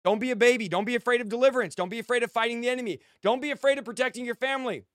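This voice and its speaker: An American man preaches a fiery exhortation in a high, clear, fairly bright voice, racing forward in short, emphatic commands and often repeating phrases for force. The sound is dry, with no echo and very little room around him.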